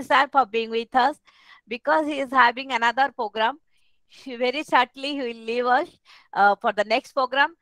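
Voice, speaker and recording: A middle-aged woman with an Odia Indian accent gives a formal address as webinar host. Her voice is high and bright, picked up closely and dryly on a headset. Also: no room sound, rough recording. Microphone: headset on video call.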